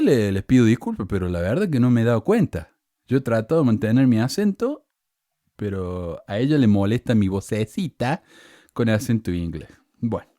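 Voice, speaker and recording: A middle-aged podcast host from Córdoba, Argentina, speaks Spanish with a Cordoba accent in a mellow voice. He reads out hostile comments with sarcastic indignation, ranting as his pitch climbs. The studio sound is clean, with no echo.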